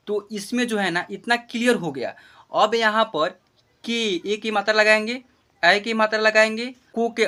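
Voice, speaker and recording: A man teaching Hindi script in a classroom lesson, drawing out syllables in a slow chant and checking that the children follow. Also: high voice, sharp tone. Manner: instructive, checks understanding with the class.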